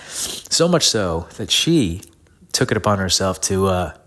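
A middle-aged man speaks in a low-pitched voice made grating and congested by a head cold and sore throat. He hosts alone in a casual, diary-like style, complaining informally and with open frustration. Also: big pitch swings, a little slow, a bit bright. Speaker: podcast host. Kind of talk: casual solo rant, diary-like.

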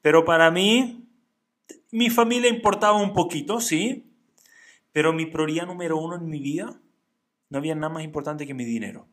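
Man doing a remorseful father, earnest, confessional, slightly high voice. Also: normal speed, long pauses, a bit bright, lightly acted. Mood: confessing. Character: remorseful father of two, once money-hungry.

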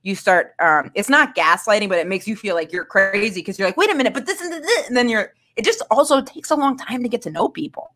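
A young woman from Maine tells her story animatedly in a casual podcast chat. She slips into the voices of the people she quotes. Her pitch sits in an ordinary middle range. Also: animated, fast, hardly any pauses, a bit bright. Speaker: guest.

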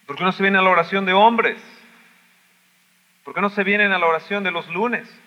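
A man preaching a sermon as pastor, swinging between loud cries and soft asides. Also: high-pitched, a little fast, long reverb tail, highs cut off. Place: church sanctuary.

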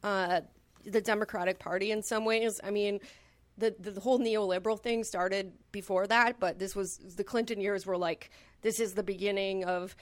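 A woman's voice: medium pitch, steady tone, moderate pace. A woman in a casual podcast chat, thoughtful and analytical, rambling through her points.

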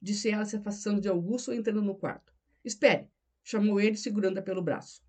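A woman narrating a novel as an audiobook in a steady storytelling delivery. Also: medium pitch, fast talker. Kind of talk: scripted narration.

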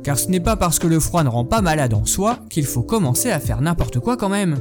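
Man, 30s, playful podcast host, lively high-ish voice over a music bed. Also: a little fast. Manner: playful, joking asides to his baby son. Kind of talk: casual comic chronicle.

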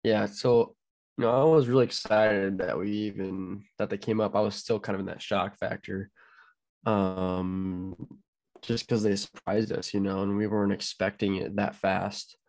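Man, co-host, lowish voice, chatty and hedging, lots of "you know.". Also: steady tone, unhurried, a little mellow. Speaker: podcast co-host. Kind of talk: casual storytelling.

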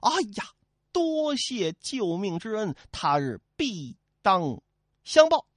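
A man's voice: high voice, big pitch swings, takes it slowly, no echo, clean studio sound, heavily acted. A man voicing a male outlaw chief on the run, flustered and pleading. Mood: grateful.

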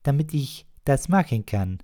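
A man voicing a young male snack-bar owner who speaks in a very high, loud voice and mangles his words. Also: very animated, measured pace. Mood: eager. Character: young male snack-bar cook, fashionable, garbled talker.

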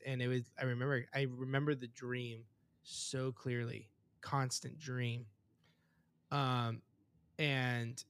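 Podcast host man, mid-pitched, casual. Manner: relaxed, reacts with short interjections. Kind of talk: casual chat.

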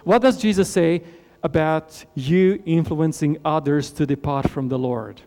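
A man from Romania preaching a sermon, asking earnest rhetorical questions and letting his voice fall low and soft at the end of phrases. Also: steady tone, unhurried. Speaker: pastor. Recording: long hall reverb with mains hum.

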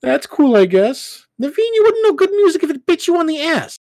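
A man's voice: extremely high pitch, a little fast, dry recording, clean studio sound, pitched above the performer's own voice, exaggerated voice. A man voicing a brash, bubbly young woman who works as a library clerk and swears cheerfully. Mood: excited, teasing. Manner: excited, blunt, teasing.

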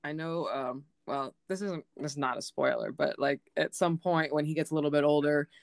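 A woman's voice: low voice, normal speed, vocal fry, no room sound, studio quality. Woman co-host, casual and giggly. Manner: casual, laughs often, lots of fillers. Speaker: podcast co-host. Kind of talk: unscripted book discussion.

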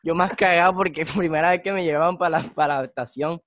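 A young man, telling a street story on a casual podcast in slangy, animated talk. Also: a little high, brisk, no echo, clean studio sound. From Colombia. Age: young adult. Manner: slangy, animated, acts out voices in his stories. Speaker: podcast host.

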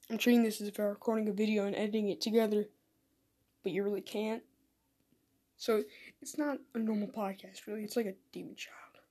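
A woman's voice: a little high, dark tone. A woman talking casually and self-deprecatingly in a rambling solo podcast, recorded in a small home bathroom. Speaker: podcast host.

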